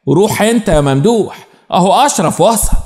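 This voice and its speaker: A man voicing a bad-tempered, bossy middle-aged woman with an Egyptian accent in a spoken story, sharp and scolding. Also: high-pitched, lively intonation, quick pace. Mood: sly. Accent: Egyptian Arabic. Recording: long reverb.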